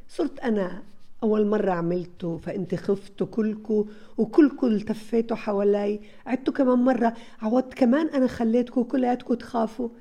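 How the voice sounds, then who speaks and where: A woman's voice: fairly high pitch, fast, mellow. A woman speaking as her one-year-old boy, who pleads with his mother to help him put his feelings into words. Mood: knowing.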